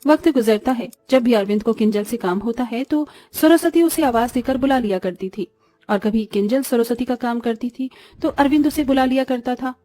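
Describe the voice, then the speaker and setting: Woman reading out a family story, high mellow voice, steady, dry close sound. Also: normal speed, no echo. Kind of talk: scripted story narration.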